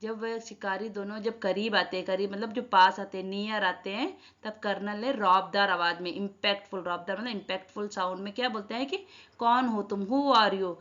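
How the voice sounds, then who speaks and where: Female teacher, mid-pitched, explains a children's reading lesson, recording dull and lo-fi. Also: fairly even intonation, brisk, few pauses, a bit bright. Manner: rereads each sentence, then glosses Hindi words in English; addresses children as she teaches. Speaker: Hindi teacher. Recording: dull lo-fi sound.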